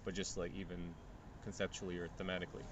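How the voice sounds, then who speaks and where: A man's voice: low voice, monotone, fast talker, noisy background. A man co-hosting a podcast in a casual chat, thoughtful and probing, asking many questions. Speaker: podcast co-host.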